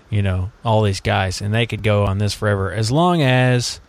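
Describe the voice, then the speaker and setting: A man's voice: fairly low pitch, unhurried. A man hosting a casual podcast chat, rambling and joking, often laughing mid-sentence. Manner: rambling, jokey, laughs a lot. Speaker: host.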